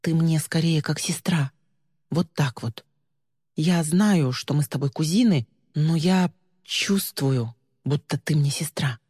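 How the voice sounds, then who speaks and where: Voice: mid-range voice, takes it slowly, darkish tone, breathy edge, dry recording, clean studio sound, long reverb tail. An audiobook reader voicing a level-headed teenage girl who grumbles but speaks firmly to her cousin. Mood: earnest. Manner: grumbling, firm.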